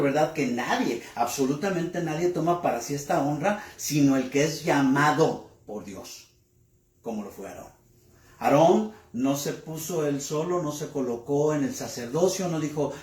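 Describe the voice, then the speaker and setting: A male pastor delivering a sermon, speaking deliberately, asking rhetorical questions and repeating key words for emphasis. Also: on the high side, darkish tone, roomy sound. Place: church.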